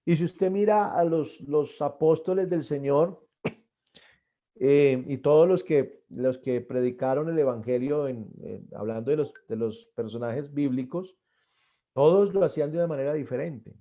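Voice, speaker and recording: A middle-aged man giving a church arts lesson on stage performance, earnest, often repeating and restarting his words and pushing key points louder. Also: fairly high pitch, unhurried, muffled recording. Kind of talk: classroom lecture on stage performance.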